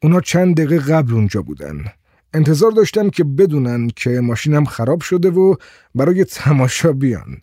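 Man reading a calm courteous male motorist. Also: on the high side, no room sound, studio quality.

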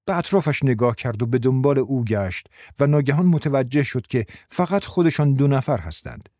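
A man reading a novel aloud in a measured, even way. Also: mid-range voice, no echo, clean studio sound. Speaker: narrator. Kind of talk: audiobook narration.

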